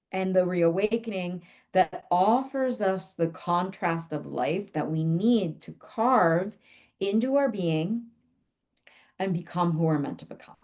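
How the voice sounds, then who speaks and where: Slow, musing woman coach. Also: lowish voice, darkish tone. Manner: unhurried and musing, often laughing, sometimes dropping to a whisper. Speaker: business coach teaching her school. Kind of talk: reflective teaching talk.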